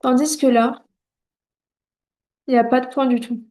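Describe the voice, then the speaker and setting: A woman's voice: high voice, flat delivery, a little mellow. A woman teaching beginners to read, patient and reassuring, sounding out syllables one at a time and checking in often. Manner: patient, repeats syllables slowly and clearly. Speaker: Arabic reading teacher. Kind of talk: beginner lesson.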